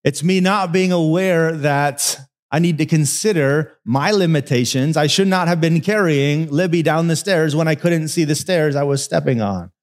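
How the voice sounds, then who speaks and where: Pastor, male, fairly high voice, relaxed sermon delivery with jokey asides. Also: moderate pace. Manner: conversational storytelling, joking asides.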